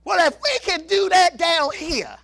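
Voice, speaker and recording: A man in his fifties preaching a sermon as pastor, swinging between shouted exclamations and hushed, low asides. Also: lively intonation, a little slow, vocal fry.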